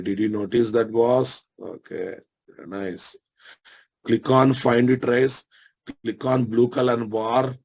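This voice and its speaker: A man with an Indian Telugu accent giving a live technical lesson as a software instructor, repeating each phrase and checking that listeners follow. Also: lowish voice.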